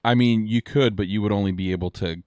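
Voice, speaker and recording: A man running a tabletop game as game master, narrating scenes and explaining rules in a casual, halting way. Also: on the low side, darkish tone, clean tone, no room sound.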